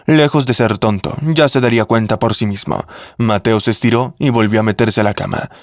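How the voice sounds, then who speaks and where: Steady man narrating a drama story. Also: mid-range voice, dry recording, clean studio sound.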